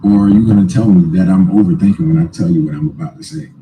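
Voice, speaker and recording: A man's voice: low voice, quick pace, mellow, low-quality recording. A man giving casual commentary straight to viewers, slangy and emphatic, swearing and repeating his points. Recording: faint background noise.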